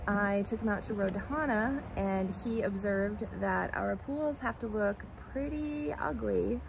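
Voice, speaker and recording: A woman's voice: mid-range voice, unhurried. A woman co-hosting a podcast in casual conversation, recorded outdoors in a backyard. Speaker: podcast co-host. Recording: outdoor recording with clear background noise.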